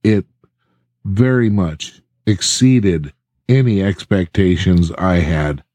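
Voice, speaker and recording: A man co-hosting a podcast in casual chat, relaxed and measured. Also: low voice, no room sound. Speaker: podcast co-host.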